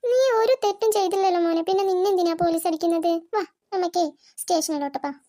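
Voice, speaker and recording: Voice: very high voice, quick pace, dark tone. A performer voicing a cartoon mother who scolds her son firmly and then reassures him. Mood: firm, reassuring. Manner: firm, scolding, then soothing. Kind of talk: cartoon voice acting.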